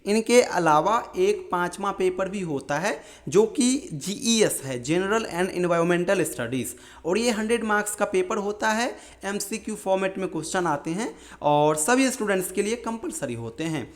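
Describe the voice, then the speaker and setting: A young man teaching students about an exam's marking pattern, calling them friends and reading out lists of terms slowly. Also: sits high, lively intonation. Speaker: exam-prep teacher. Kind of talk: explaining an exam pattern to students.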